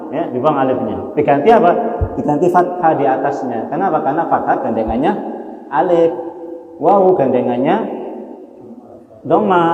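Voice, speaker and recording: Male teacher in an echoing hall. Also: fairly high pitch. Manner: explains patiently, often checks understanding with rhetorical questions; chants Quranic verses slowly in Arabic. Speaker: Islamic teacher. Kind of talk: Quran study lesson. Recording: echoey hall, dull lo-fi sound.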